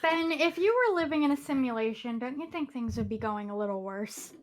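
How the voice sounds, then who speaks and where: A woman's voice: a little high, a little fast, very noisy. A woman co-hosting a casual group podcast, playful and full of questions. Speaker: podcast co-host.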